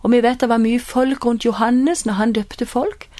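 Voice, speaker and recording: A woman teaches from the Bible in a calm, explaining way. Her voice is fairly high, and the recording is close and dry. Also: dry recording.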